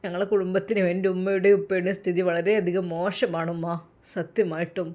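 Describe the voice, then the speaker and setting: Woman doing a young guy cleric, gentle and sad, soft pleading voice, malabar malayalam accent, storybook. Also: lowish voice, little pitch movement, fairly quick, lightly acted.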